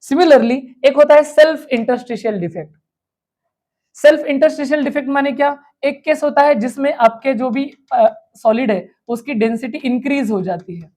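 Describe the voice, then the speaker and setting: A woman teacher giving an exam revision lecture. She asks questions aloud and answers them herself, and she slowly repeats key terms. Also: high voice, darkish tone. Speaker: chemistry teacher.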